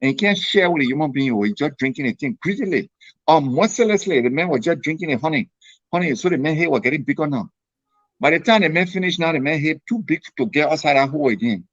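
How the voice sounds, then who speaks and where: A man's voice: a little high, lively intonation, fast talker, muffled recording. A man with a Liberian accent chatting and telling stories in exclamatory colloquial English, repeating phrases for effect. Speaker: storyteller and author. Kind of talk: animated colloquial storytelling and casual chat.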